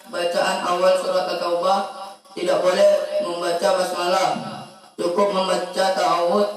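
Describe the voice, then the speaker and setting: Male student, high monotone, rote rapid recitation with chanted Arabic terms; distant mic in a very echoey room. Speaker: student taking an oral exam. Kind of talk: reciting memorized recitation rules.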